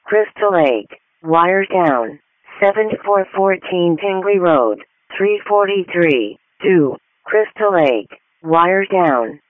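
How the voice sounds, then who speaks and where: A man's voice: sits high, no echo. A man making clipped emergency dispatch announcements over a narrowband police radio channel.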